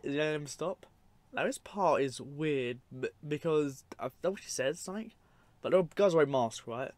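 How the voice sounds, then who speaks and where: A man's voice: fairly high pitch, lively intonation, normal speed, a little mellow. A man giving casual, unscripted commentary over clips, rambling and matter-of-fact with dry asides. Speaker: narrator of a film clip compilation.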